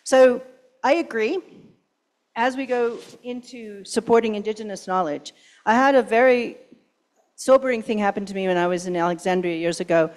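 A woman's voice: medium pitch, normal speed, darkish tone. Emphatic woman giving a conference talk. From Pacific Northwest, US. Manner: emphatic, rhetorical questions, urgent. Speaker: conference keynote speaker.

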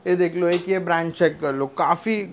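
A man in his thirties with a high-pitched voice and a Mumbai Indian accent. He sells clothing to camera in an overeager teleshopping manner, insistent and full of repeated phrases. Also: steady tone, normal speed, a little hiss or hum. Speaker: wholesale clothing seller. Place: small carpeted clothing showroom. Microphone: clip-on lapel mic.

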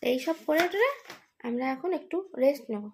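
A woman's voice: sits high, lively intonation, normal speed, creaky, slight background noise. A woman, tired, rambling through an exasperated casual vlog monologue with many fillers. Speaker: vlogger, daughter caring for her ill father.

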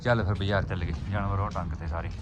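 This pigeon-keeping vlogger has a low voice with fairly even intonation and talks fast, keeping things informal with viewers like they're mates. He's outdoors on a home rooftop in a rustic, casual vlog, and the lo-fi sound includes birds and noisy outdoor ambience.

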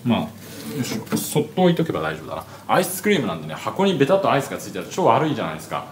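A man's voice: mid-range voice, wildly swooping pitch, racing, roomy sound, slight background noise. A man touring a hotel suite on camera, chatting casually with many fillers and asides. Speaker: travel vlogger. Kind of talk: casual room tour narration. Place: large hotel suite, indoors. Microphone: handheld 360 camera.

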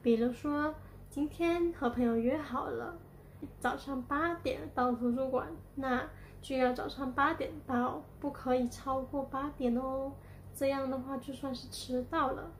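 A woman's voice: high voice, steady tone, measured pace, slight background noise. A woman narrating a children's story and then explaining its moral, talking cheerfully and directly to young listeners.

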